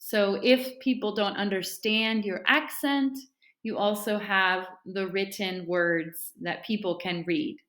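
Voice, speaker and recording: A woman English teacher speaking slowly and clearly to learners in a friendly, deliberate way. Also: mid-range voice, fairly even intonation, fairly bright tone. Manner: friendly, deliberate, repeats key points. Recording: echoey room.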